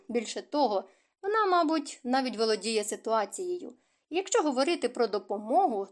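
A woman reading a romance novel aloud as an audiobook narrator, in expressive storytelling. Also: a little high.

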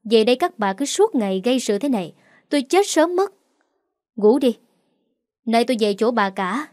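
A woman's voice: fairly high pitch, expressive, normal speed, a little mellow, dry recording, clean studio sound, close to an everyday voice. A woman voicing a tired older man who heads a wealthy household, dismissive and worn out. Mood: weary.

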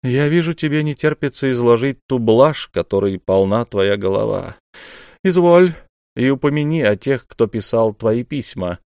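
A man voicing an aloof, weary sovereign who speaks slowly and quietly. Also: medium pitch, animated, smooth, dry recording, clean studio sound, close to an everyday voice. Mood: cold. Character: cold, weary male sovereign, aloof and sad.

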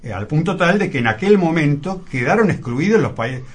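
A man commenting on politics on a radio panel, measured and hesitant, with many fillers. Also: on the high side, very animated, husky.

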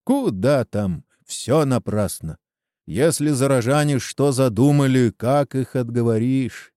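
Expressive male storyteller, mellow voice. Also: mid-range voice, slow, no room sound, clean studio sound. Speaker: narrator. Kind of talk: storybook reading.

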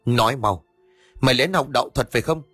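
A man's voice: mid-range voice, animated, brisk, a bit bright, slightly rough, no room sound, faint music behind. A male narrator voicing a stern middle-aged exorcist who scolds his son. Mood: scolding.

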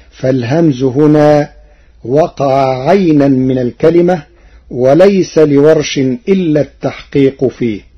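A man explaining Quran recitation variants in a slow, measured, formal scholarly way on a radio broadcast. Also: fairly high pitch, warm tone, breathy edge, highs cut off.

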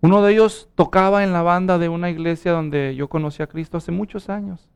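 A man's voice: high voice, steady tone, fairly quick, creaky, clear, resonant tone. A man preaching a sermon, earnest and telling a personal story, then leading a prayer. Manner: earnest preaching, acts out quoted dialogue. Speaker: pastor.

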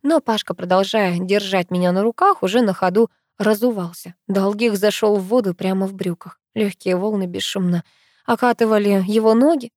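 A woman reading a first-person novel aloud as an audiobook, lively and expressive. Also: mid-range voice, moderate pace, no echo, clean studio sound. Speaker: audiobook reader.

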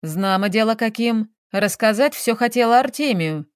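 A woman reads a flustered middle-aged businessman who blusters and whines when cornered. The delivery is slow and deliberate. The sound is dry and close, with no room around it. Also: on the high side, lively intonation, clear, resonant tone, no echo, natural voice. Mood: defensive. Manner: agitated, blustering, whining.

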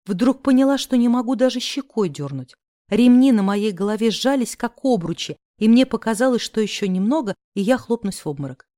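A woman narrating a first-person novel chapter in a sardonic, lively way. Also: on the high side, no echo, clean studio sound. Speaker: audiobook narrator.

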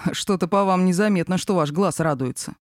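A man's voice: sits high, fairly quick, no room sound, natural voice. A woman voicing a brash, cheeky male office coworker in an audiobook. He teases in a raised voice. The recording is dry and close. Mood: teasing. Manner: cheeky, teasing. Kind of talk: audiobook character reading.

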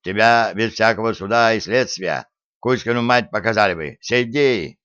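A man voicing a grumpy, stubborn old grandfather who scolds and shouts threats, in an audiobook. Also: fairly low pitch, normal speed, no echo, natural voice. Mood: scolding. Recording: dry, slightly dull audiobook recording.

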